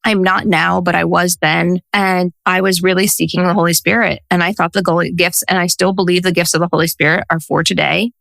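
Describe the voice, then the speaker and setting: Guest, woman, 40s, social worker turned coach; lively storyteller, lowish pitch, dry mic. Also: a little fast, creaky, few pauses, no room sound. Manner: animated storyteller who acts out quotes. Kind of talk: casual interview conversation.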